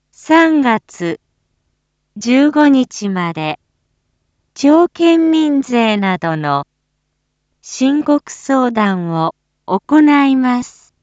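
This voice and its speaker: A woman delivers a formal town public-address announcement in a slightly high voice. She reads extremely slowly and deliberately, pausing between short, measured phrases. The sound is dry and somewhat muffled. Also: sing-song, darkish tone, no room sound. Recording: dull, muffled lo-fi audio.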